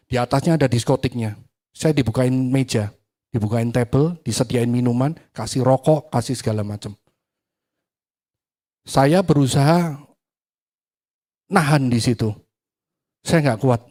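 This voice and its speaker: A man preaching a sermon, telling a personal testimony with acted-out dialogue, swinging from loud to hushed. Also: mid-range voice, measured pace, long pauses.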